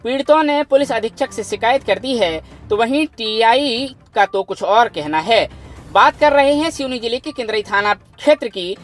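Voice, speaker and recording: A woman news anchor reads a scripted report in a formal, measured way. Her voice sits a little high. Faint music plays under her reading. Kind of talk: scripted news narration and phone interview.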